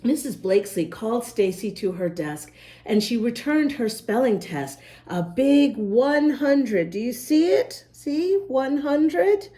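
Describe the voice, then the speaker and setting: A children's story host with a fairly high voice takes her time reading a picture book to little ones. She talks right to them with lively energy, sounding words out with care and spelling them one letter at a time.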